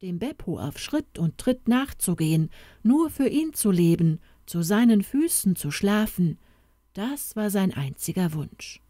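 Erzählerin, Hörbuch, sehr langsam, lebhaft betont, nah am Mikrofon. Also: female voice, medium pitch, dry recording, studio quality. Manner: soft, expressive, unhurried storytelling. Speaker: audiobook narrator. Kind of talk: scripted storybook narration.

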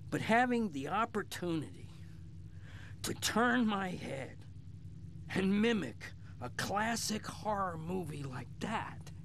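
An actor voicing a smug, foul-mouthed, gleefully sadistic killer doll with a raspy voice, giving gloating in-character commentary on a film. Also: male voice, sits high, lively intonation, takes it slowly, a bit bright, a little hiss or hum, heavily acted. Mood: boastful. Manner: gloating, sardonic, profane.

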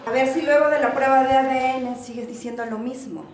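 A woman's voice: high-pitched, fairly even intonation, fairly quick, lightly acted. An actress playing a determined woman who speaks assertively and defiantly. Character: determined woman seeking her lost son. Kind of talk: telenovela acting. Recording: roomy with faint noise.

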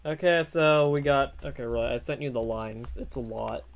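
A man's voice: mid-range voice, moderate pace, creaky. A young man hosting a livestream, chatting casually and joking around. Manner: joking, rambling, self-deprecating. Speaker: channel host streaming.

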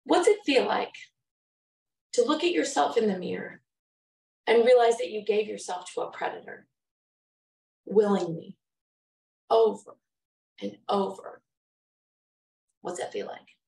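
A woman's voice: medium pitch, a little slow, gravelly, pauses often, darkish tone. A middle-aged woman giving a prepared talk to an audience, impassioned, with emphatic repetition and rhetorical questions. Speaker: public speaker and trainer. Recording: roomy echo, mic from far off.

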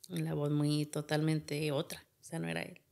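A woman's voice: low-pitched, flat delivery, moderate pace, vocal fry, a little mellow. A woman, a podcast guest telling a painful personal story and retelling what everyone said. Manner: retells events with much reported dialogue.

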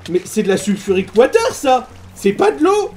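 A man giving excitable let's play commentary, full of exclamations and mild swearing. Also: very high voice, normal speed, music in the background. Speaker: gaming YouTuber.

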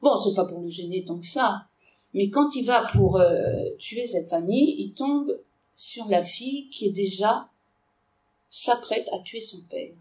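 A woman giving an animated book talk to an audience, with hesitations as she summarizes the plot. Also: mid-range voice, measured pace. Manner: animated, digressive, with frequent hesitations. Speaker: literature lecturer. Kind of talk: book talk with read-aloud excerpts. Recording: echoey room, mic far off.

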